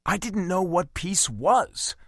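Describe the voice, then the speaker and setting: A man reading a first-person fantasy romance audiobook in an expressive, emotive way. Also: sits high, takes it slowly, no echo, studio quality. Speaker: audiobook narrator.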